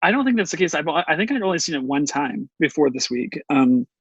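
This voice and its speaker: A man's voice: a little high, big pitch swings, brisk, husky, dry recording, muffled recording. A man co-hosting a podcast in casual chat, rambling with many restarts. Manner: rambling, full of fillers and restarts. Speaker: podcast co-host.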